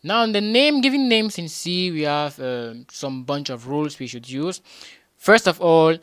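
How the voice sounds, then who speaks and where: A man tutoring beginners in programming, patiently repeating each point and often pausing with hesitations and restarts. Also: fairly high pitch, animated, fairly bright tone, clean tone, dry recording. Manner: patient and repetitive, restates points with rhetorical questions.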